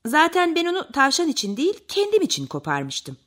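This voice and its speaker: A woman voicing a helpful but proud crow with a gruff, self-assured manner. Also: sits high, huge pitch swings, fairly quick, a bit bright, pitched above the performer's own voice, full character voice. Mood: boastful.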